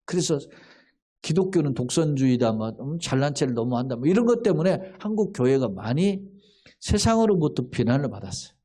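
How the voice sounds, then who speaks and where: A man's voice: medium pitch, big pitch swings, a little fast, warm tone. A middle-aged male pastor giving a Bible exposition in a conversational sermon style, asking rhetorical questions and acting out quoted lines.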